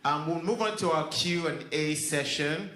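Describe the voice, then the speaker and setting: A man's voice: fairly high pitch, moderate pace, pushed and bright. A man hosting a church singles event who jokes with the crowd and calls for rounds of applause. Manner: upbeat, joking, calls for applause. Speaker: event host. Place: large hall with an audience. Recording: echoey hall with crowd noise.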